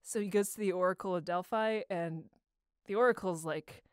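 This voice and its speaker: With a low-leaning voice at normal speed, this young woman, an amateur voice actor answering a question, tells stories casually and irreverently, full of slang and wandering tangents. She acts out quotes with animation, recorded clear and resonant in studio quality with no room sound.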